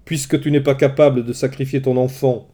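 A man voicing an angry, cunning male Greek hero who shouts forcefully in a storybook reading. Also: mid-range voice, flat delivery, fairly quick, pitched above the performer's own voice, lightly acted.

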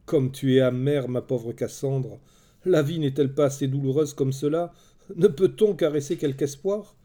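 A man's voice: a little high, fairly even intonation, a little slow, mellow, voice pushed up, natural voice. A man playing a bitter grieving widowed queen. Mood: reproachful. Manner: bitter, sorrowful, cutting.

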